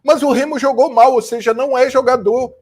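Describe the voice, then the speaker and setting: Emphatic high-voiced Brazilian football ranter. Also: male voice, fairly even intonation, fairly quick, darkish tone. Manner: emphatic, repetitive, blunt with mild swearing. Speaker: football commentator, channel host. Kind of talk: post-match opinion rant. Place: home room with a fan running, new studio being set up.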